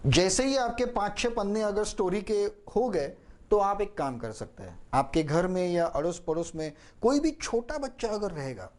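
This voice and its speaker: A man teaching public speaking, talking slowly and expressively and stressing key words as he demonstrates how to tell a story. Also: sits high, big pitch swings, darkish tone. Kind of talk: instructional talk with demonstration storytelling.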